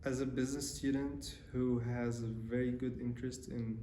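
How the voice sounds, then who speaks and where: A young man from Syria, a student, answering interview questions in a relaxed, hesitant way with many pauses and fillers. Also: mid-range voice, a little hiss or hum. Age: young adult. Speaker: interview guest, university student. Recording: roomy echo, faint ambience.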